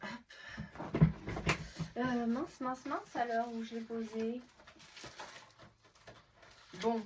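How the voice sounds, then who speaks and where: Norman lady doing a craft tutorial, slow and chatty, mumbles to herself, faint hiss behind. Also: fairly high pitch, fairly even intonation. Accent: Norman French. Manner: thinks aloud and mutters to herself while working. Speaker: crafter showing card-making.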